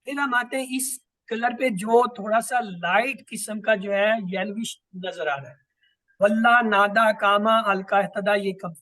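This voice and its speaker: A man's voice: high voice, bright, forceful tone, no room sound. A man teaching a class, patiently explaining and repeating lists of words. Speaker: Quran grammar teacher. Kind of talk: online class lesson.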